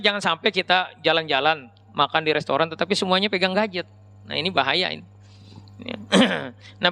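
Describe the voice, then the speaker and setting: A man's voice: high voice, bright, forceful tone. A man giving a conversational religious lecture, talking straight to the men and women in front of him. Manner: chatty, addresses audience directly as Pak and Bu. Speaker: Islamic preacher.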